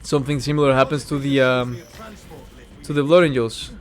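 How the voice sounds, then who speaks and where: A man's voice: medium pitch, fairly even intonation, normal speed. A man giving casual, rambling game commentary while he plays, easily sidetracked by the action. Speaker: gaming video host. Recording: clear background game noise.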